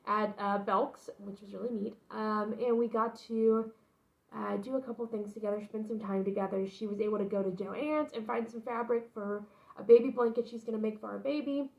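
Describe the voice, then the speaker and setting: A young woman's mid-range, gravelly voice stays fairly even in intonation at a normal speed as she vlogs about her pregnancy announcement. Her telling is loose and informal with many asides, and the recording is muffled.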